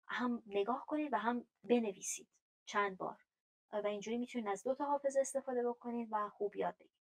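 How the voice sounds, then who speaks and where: A Persian-speaking woman teaching a French grammar lesson, explaining patiently with frequent fillers and reading French verb forms aloud slowly. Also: fairly high pitch, gravelly, low-quality recording.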